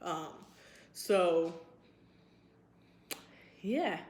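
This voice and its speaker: In an echoey, roomy recording, a twenty-something female vlogger talks to camera in a loose, musing, informal manner. Her voice sits fairly low, is expressive and a little mellow, and she speaks extremely slowly.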